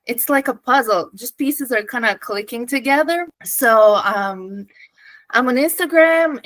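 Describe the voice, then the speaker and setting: A woman in her thirties with a Serbian accent, a guest telling her story in a casual interview, lively, laughing often and pausing on fillers. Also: on the high side, no echo, poor audio.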